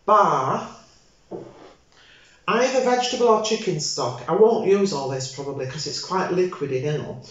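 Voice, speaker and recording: An older woman hosting a home cooking video, chatting casually and rambling as she cooks at her table. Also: on the low side. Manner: chatty, rambling, self-correcting. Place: home dining room, indoors. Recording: very echoey room, dull lo-fi sound.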